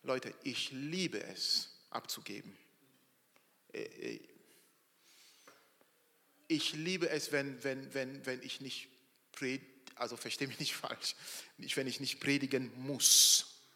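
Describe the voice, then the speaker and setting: A pastor in a church hall delivers an animated sermon, his bright, forceful voice rising to loud emphasis and dropping to soft asides. A long reverb trails each phrase through the room. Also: mid-range voice, slow, vocal fry, pauses often.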